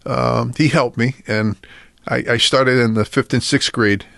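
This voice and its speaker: Gravelly man telling old stories. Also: mid-range voice, fairly even intonation, unhurried, fairly bright tone, no room sound. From Buffalo, New York. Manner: rambling, many restarts and uh's, chuckling. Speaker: guest, sports official. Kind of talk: casual storytelling chat.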